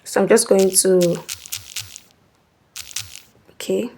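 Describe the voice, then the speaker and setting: Slow and warm, a medium-pitched woman's voice with fairly even intonation guides viewers through a screen-recording tutorial. She's patient and instructive, repeatedly checking in with "okay?", and slight background noise is audible.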